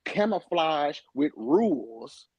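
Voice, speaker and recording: Husky emphatic man in a podcast debate. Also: fairly high pitch, very animated, a little mellow, no room sound, lo-fi sound. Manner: emphatic, halting, with laughs. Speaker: podcast co-host. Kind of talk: casual group debate.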